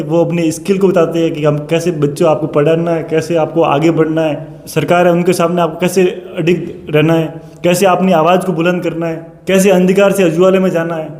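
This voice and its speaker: Sarcastic and fiery, a coaching teacher hammers home his rebuttal in a repetitive monologue aimed squarely at his listener. His high-sitting voice has a darkish color, echoing through a room with long reverb.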